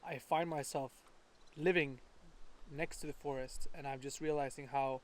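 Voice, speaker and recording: A man's voice: medium pitch, steady tone. A man, chatting in a reflective, hesitant way in a casual vlog. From Sweden. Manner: reflective, hesitant, halting restarts. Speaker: vlogger. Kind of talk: casual chat. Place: countryside home, birds around.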